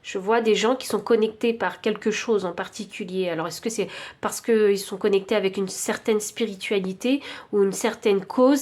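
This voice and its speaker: A woman with a French accent giving an intuitive tarot reading, thinking aloud with many pauses and fillers. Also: medium pitch, a little mellow. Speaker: tarot card reader.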